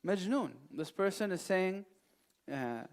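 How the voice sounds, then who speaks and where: A high-pitched man preaching to a congregation. He is animated, dropping to soft, low asides and then rising to loud, emphatic lines. He recites scripture in quick bursts. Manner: animated, swings between quiet and loud, recites verses quickly. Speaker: imam giving a religious talk. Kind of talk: sermon.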